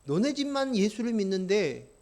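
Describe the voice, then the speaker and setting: A male pastor preaching a sermon, impassioned and swinging from quiet to loud, often putting questions to the congregation. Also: high voice, big pitch swings, moderate pace.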